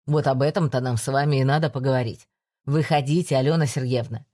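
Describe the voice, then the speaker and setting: A woman voicing a calm male police investigator who talks low, steady and coaxing in an audiobook. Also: fast. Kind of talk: audiobook reading.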